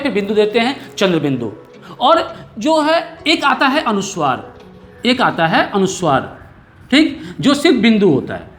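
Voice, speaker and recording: A man's voice: high voice, fairly bright tone. A man teaching a grammar lesson, explaining patiently, repeating key terms and checking in with the class. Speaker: Hindi teacher.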